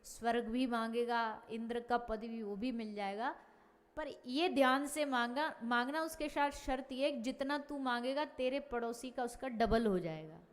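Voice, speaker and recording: A woman's voice: on the high side, a little slow, natural voice. A woman voicing a gracious, fatherly male god who offers a boon in a coaxing, playful way, within a storytelling sermon. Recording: reverberant hall, faint music behind.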